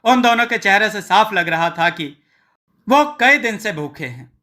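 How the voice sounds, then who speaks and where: A meek, downtrodden street vendor pleads in a high, bright voice, as a man voices him. He speaks humbly. This is a storybook tale voice. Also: animated, moderate pace. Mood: downcast. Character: meek, poor male street-food vendor, trusting in God.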